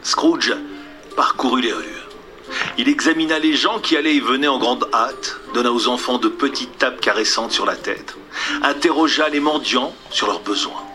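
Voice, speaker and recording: Hushed male storyteller over music. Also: mid-range voice, normal speed. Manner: soft, hushed delivery that often drops to a near whisper. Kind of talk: scripted storybook narration.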